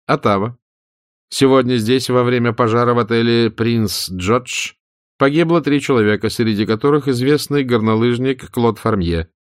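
A man's voice: mid-range voice, normal speed, no echo, clean studio sound, voice pushed up, close to an everyday voice. A man voicing a formal radio news announcer reading bulletins.

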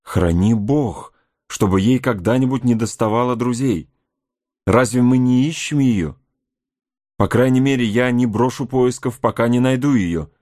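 A man's voice: lowish voice, moderate pace, mellow, dry recording, studio quality, lightly acted. A man reading aloud voices a young officer, ardent and anxious, speaking in an earnest, eager way.

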